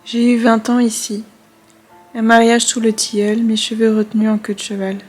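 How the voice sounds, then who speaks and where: A woman's voice: a little high, monotone, normal speed, darkish tone, lightly acted. A woman reading aloud in the voice of an elderly grandmother who looks back on her life with grief and tenderness. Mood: wistful.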